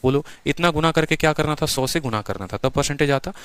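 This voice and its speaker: A man's voice: a little high, fast talker, a bit bright, smooth, dry recording. Man, maths teacher, exam-prep lecture, dry close sound, resonant voice, repeats steps, quizzes students.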